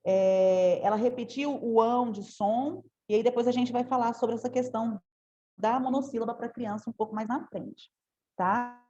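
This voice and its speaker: A woman's voice: fairly high pitch, normal speed, dark tone. Woman explaining, dull video-call sound. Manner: explanatory, frequent tag questions. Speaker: pedagogical trainer for teachers. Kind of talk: teacher training presentation.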